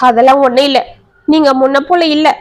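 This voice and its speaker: A woman's voice: high voice, fairly quick, close to an everyday voice. A woman voicing a worried young wife who pleads anxiously with her husband, in a storybook reading. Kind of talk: storybook narration.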